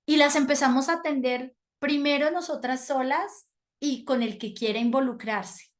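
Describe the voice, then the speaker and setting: A middle-aged woman coaching mothers in a gentle, reflective, conversational way. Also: high voice, normal speed. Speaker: parenting coach. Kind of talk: talk to mothers with slides.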